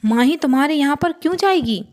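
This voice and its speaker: A woman's voice: high-pitched, lively intonation, brisk, darkish tone, pitched above the performer's own voice. A woman voicing an old grandfather who indignantly scolds an accuser to defend his granddaughter.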